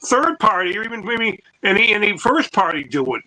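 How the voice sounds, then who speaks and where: A high, bright male voice comes through a phone mic that clips and distorts on every line, even when he talks quietly. He chats casually as co-host of a collectibles show. He rambles and keeps restarting his sentences. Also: brisk. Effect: clipping, distorted phone mic. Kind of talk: casual online show chat.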